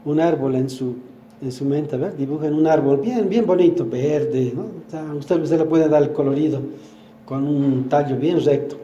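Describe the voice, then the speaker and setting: A man's voice: a little high, moderate pace, mellow, roomy sound, highs cut off, slight background noise. An older man gives a sermon at church, teaching with everyday examples and asking the congregation questions. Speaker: church speaker.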